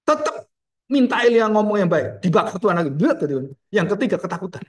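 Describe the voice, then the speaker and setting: A man preaching a sermon as pastor, animated, acting out dialogue and swinging from loud outbursts to hushed, solemn lines. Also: high voice, a little fast.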